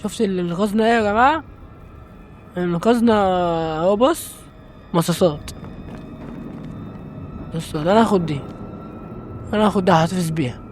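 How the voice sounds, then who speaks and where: A man's voice: sits high, moderate pace, long pauses, soft background music. A young man with an Egyptian Arabic accent, giving jumpy let's-play commentary and exclaiming to his viewers as he plays. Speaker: gaming channel host.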